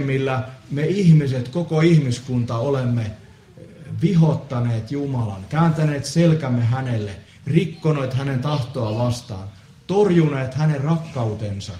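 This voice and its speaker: A man preaching a solemn Good Friday sermon, measured with pauses and the odd hesitant filler. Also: mid-range voice, dark tone, a little hiss or hum. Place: church. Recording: echoey church with faint ambience.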